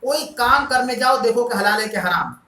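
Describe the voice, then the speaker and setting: A Quran teacher giving a lesson, reciting Arabic verses slowly and then explaining them with questions to the listeners. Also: mid-range voice, pushed and bright, echoey room, low-quality recording.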